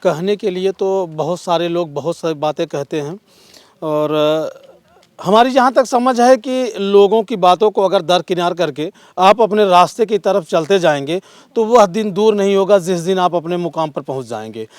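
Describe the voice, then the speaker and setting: A male reporter with an eastern Uttar Pradesh Hindi accent who interviews in a measured, encouraging and moralizing way. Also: sits high, no room sound. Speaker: local news reporter interviewing. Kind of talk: interview with advice to viewers.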